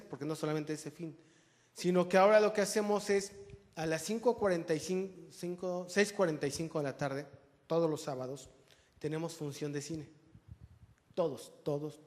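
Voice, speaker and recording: A man preaching a conversational sermon, joking with the congregation. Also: fairly high pitch. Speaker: pastor. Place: church hall. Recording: long church reverb.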